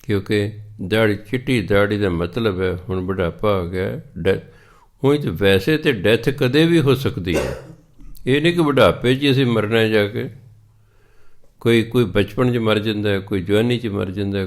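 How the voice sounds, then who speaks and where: Male preacher, sermon delivery, measured pace with drawn-out chanted lines. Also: lowish voice. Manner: slow chanted verse quotations between explanations. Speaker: Sikh preacher giving scripture commentary. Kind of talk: katha sermon on scripture.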